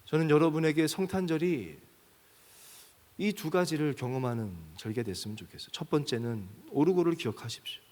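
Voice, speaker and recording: A man's voice: a little high, fairly quick, a little mellow. A man preaching a sermon, retelling a film scene and acting out its lines, then building to emphatic questions. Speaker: pastor. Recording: long reverb of a large hall.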